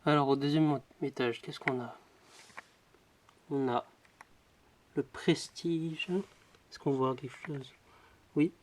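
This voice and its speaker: A man giving casual running commentary, rattling off titles with quick offhand remarks as he shows his collection. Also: fairly high pitch, a little hiss or hum. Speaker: vlogger showing his DVD collection.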